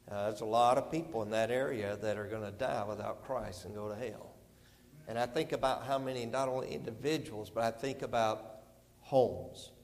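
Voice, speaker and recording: A man's voice: lowish voice, darkish tone. Middle-aged North Carolina man, guest preacher, homespun and rambling, voice ringing in a large hall. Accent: North Carolina Southern. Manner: folksy, rambling, full of "and, uh" fillers. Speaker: visiting preacher. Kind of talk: sermon. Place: church sanctuary.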